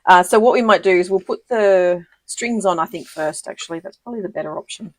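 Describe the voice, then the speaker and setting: A woman's voice: lowish voice, fairly quick, no echo. Chatty woman demonstrating crafts. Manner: chatty, giggly, lots of ums and self-corrections. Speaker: papercraft demonstrator hosting a live video. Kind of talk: casual live crafting tutorial.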